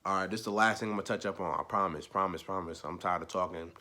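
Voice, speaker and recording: A young man with a very low voice and a bright, forceful edge, ranting casually to his viewers. He rambles and repeats himself. He drops to low mumbles, then punches out loud, emphatic lines. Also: quick pace. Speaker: vlogger. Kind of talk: casual opinion rant.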